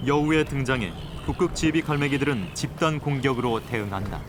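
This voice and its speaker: A man reading scripted nature documentary narration in a measured, formal broadcast style. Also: medium pitch, background noise. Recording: loud music bed under voice. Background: prominent background music.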